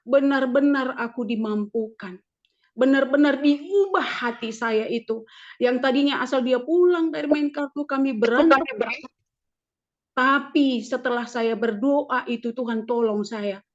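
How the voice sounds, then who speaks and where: High-voiced woman giving a testimony. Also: measured pace. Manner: animated storytelling, acting out her own prayers and arguments. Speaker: religion teacher giving a church testimony. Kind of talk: personal church testimony. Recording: dull lo-fi recording.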